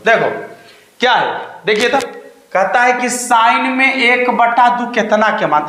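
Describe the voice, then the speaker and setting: Emphatic Bihari male math tutor, high bright voice, coaxing questions, echoey room. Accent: Bihari Hindi. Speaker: math teacher. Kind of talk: online math lesson.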